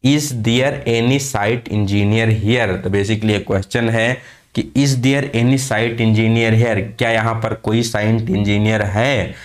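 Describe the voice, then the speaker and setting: A man with a lowish voice and fairly even intonation teaches an exam-prep lesson. He spells words out letter by letter, asks and answers his own questions, and reads English phrases slowly.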